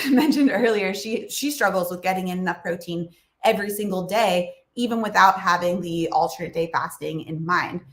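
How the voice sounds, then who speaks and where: In a roomy-sounding space, a woman with a fairly low, slightly bright voice runs a livestream Q&A for her nutrition channel. Her explanations are casual, dotted with fillers and small laughs, while a froggy voice has her coughing and clearing her throat.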